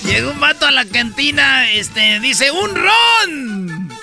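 A man's voice: very high-pitched, measured pace, vocal fry, over loud music. A man with a Mexican accent hosting a comedy show, telling jokes and acting out the characters in them. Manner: lively, acts out every character. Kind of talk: joke telling.

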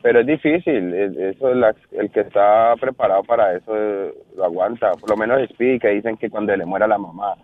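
A man's voice: fairly low pitch, a little fast, hardly any pauses, no echo. Storytelling man, lo-fi sound. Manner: storytelling, animated, repeats himself when worked up. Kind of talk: casual group chat.

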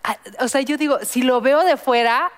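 A woman with a Mexican accent co-hosting a talk show, musing aloud in an expressive, animated way. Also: sits high, normal speed. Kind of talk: casual chat.

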